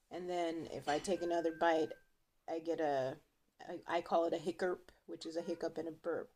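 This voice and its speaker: A woman talking casually to viewers in a video diary, halting and unhurried as she pauses to think. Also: lowish voice, darkish tone. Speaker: vlogger.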